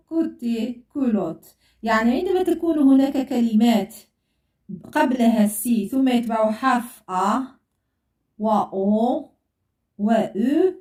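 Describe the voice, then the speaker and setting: A woman teaches in a slow, patient way, repeating each sound and spelling it out for her pupils. Her voice sits a little high. She is heard from a distance in an echoey room. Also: a little mellow. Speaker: French teacher. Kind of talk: classroom lesson. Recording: echoey room, voice far from mic.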